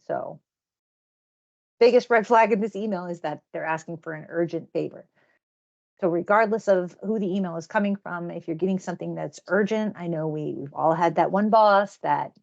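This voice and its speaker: A woman's voice: lowish voice, gravelly, a little mellow, dull audio. A woman presenting a security awareness webinar in a conversational way, often repeating words and restarting her phrases.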